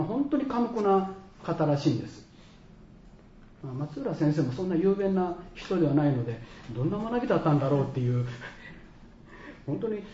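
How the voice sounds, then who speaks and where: A man preaching a sermon as a pastor, an earnest storyteller who pauses and acts out quoted voices. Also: a little high, warm tone, echoey room, highs cut off, a little hiss or hum.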